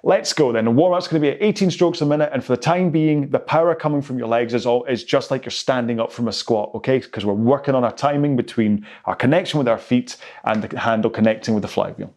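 A man's voice: mid-range voice, fast, few pauses, a little mellow. A man coaching an indoor rowing workout, talking through pace targets and technique in a chatty, rambling way. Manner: chatty, rambling, self-aware explanations. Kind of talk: workout instruction.

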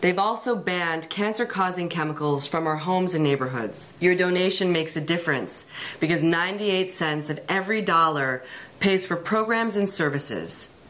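A woman's voice: lowish voice, moderate pace, a bit bright. A woman reading a scripted, heartfelt charity appeal.

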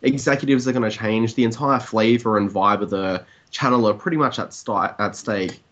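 A man's voice: lowish voice, normal speed, a bit bright, muffled recording. An Australian man in casual discussion, giving his opinions in a conversational way peppered with "I mean". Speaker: TV industry commentator, blogger.

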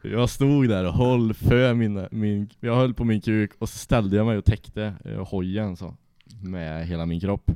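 A man's voice: fairly low pitch, fairly even intonation, few pauses, warm tone, smooth, dry recording, clean studio sound. A young man casually telling a rowdy anecdote, swearing freely and laughing as he goes. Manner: profane, laughs through his story. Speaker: storyteller.

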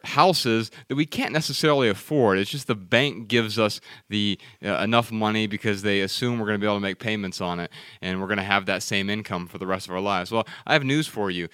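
A man's voice: lowish voice, normal speed, sharp tone, smooth, no echo, studio quality. A man in his thirties co-hosting a podcast. He speaks emphatically and lectures, often repeating words as he builds his point. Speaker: podcast co-host. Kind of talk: casual podcast talk.

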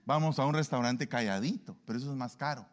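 A man preaching a sermon in an animated way, acting out everyday dialogues. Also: medium pitch, fast. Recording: long hall reverb.

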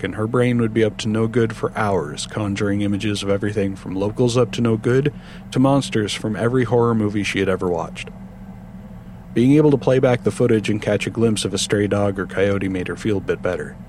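A man reading a horror story aloud with steady, measured narration. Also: fairly low pitch, a little hiss or hum.

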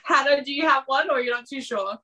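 Bright chatty woman host. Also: high-pitched, a little fast, rough recording. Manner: chatty and emotional, filler-heavy. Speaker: podcast host. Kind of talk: casual sports podcast chat.

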